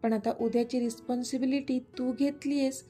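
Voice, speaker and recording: A woman voicing a calm, caring middle-aged mother who explains things soothingly. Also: high voice, normal speed, faint music behind, close to an everyday voice.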